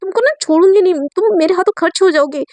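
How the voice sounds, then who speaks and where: A woman's voice: very high voice, fast, darkish tone, dry recording, pitched above the performer's own voice. A woman reading the part of a hot-tempered, jealous young woman in a spoken love story, her voice raised and scolding. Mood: jealous, angry.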